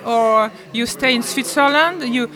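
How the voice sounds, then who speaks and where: Woman interviewer, slightly high voice, halting and simple phrasing. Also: fairly bright tone. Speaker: interviewer, language student. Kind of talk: interviewing for community radio.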